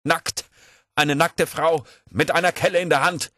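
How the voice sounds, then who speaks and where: A man's voice: fairly low pitch, expressive, measured pace, fairly bright tone, no echo, studio quality. A man voicing a stubborn, pompous man who lectures his comrades in a raised, insistent, declaiming voice. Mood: shouting.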